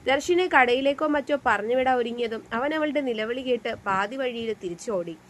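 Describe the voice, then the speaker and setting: A woman narrating a serialized dramatic story in a steady, dramatic storytelling manner. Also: a little high, normal speed, slight background noise, rough recording.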